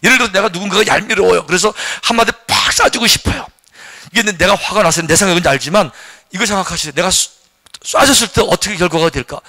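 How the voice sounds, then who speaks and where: A male pastor delivering an animated sermon, acting out little voices and leading the congregation in call-and-response. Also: sits high, fast.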